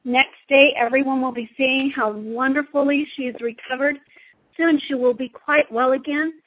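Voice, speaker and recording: A woman's voice: high-pitched, slightly rough, no echo, lo-fi sound. A woman voicing a proud, tempting evil witch queen from a storybook, with an imperious, persuasive manner. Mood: coaxing.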